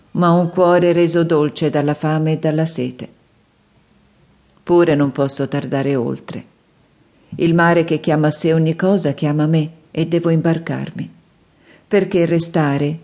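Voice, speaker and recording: A woman voicing a male prophet's inner speech in an audiobook, solemn and measured. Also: sits low, warm tone. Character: male prophet, solemn and wistful, departing a city.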